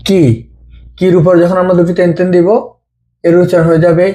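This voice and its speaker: Guy teaching japanese letters, mellow voice, slow and patient, repeats every sound. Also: high-pitched, completely flat delivery. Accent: Bengali. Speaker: language teacher. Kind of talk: step-by-step script lesson.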